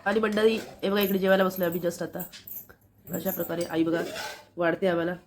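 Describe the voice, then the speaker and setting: A woman's voice: fairly low pitch, steady tone, fairly quick, a little hiss or hum. A woman with a Marathi accent, chatting casually to the camera as she shows things around her family home. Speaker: vlogger. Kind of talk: casual family vlog narration.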